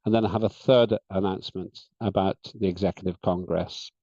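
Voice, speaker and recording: Low, dark-voiced man chairing a meeting. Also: fairly even intonation, no echo, highs cut off. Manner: measured, deliberate, with frequent "uh" fillers. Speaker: parliament session chair.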